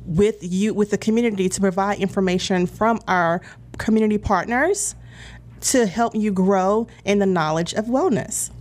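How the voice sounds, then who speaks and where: A woman's voice: mid-range voice, moderate pace, a little mellow. A woman in her forties, a wellness coordinator on a talk show, explaining her programs in a friendly way with some fillers. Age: 40s. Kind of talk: casual radio talk.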